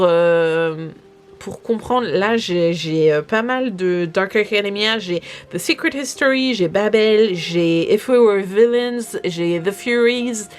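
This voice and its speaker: A young French woman chatting casually in a vlog, rambling and often correcting herself, with soft music behind. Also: mid-range voice. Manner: rambling, self-correcting, lots of fillers. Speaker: vlogger. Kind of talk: casual chat. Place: home in New York.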